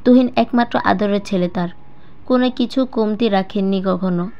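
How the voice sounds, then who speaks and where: A woman with a medium-pitched, smooth voice narrates a scripted dramatic story at a normal speed, like an audiobook storyteller. The voice-over sounds dull and lo-fi, with music playing behind her.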